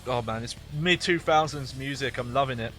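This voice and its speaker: Casting: male playthrough host, mid-pitched and bright, loose amused commentary. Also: moderate pace, faint music behind. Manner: rambling, amused, thinking aloud. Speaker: gaming video host.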